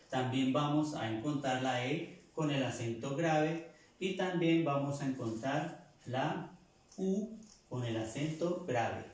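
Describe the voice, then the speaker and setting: A man teaching a language lesson, repeating words slowly to drill their pronunciation. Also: mid-range voice, distant mic. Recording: echoey room, voice from off-mic.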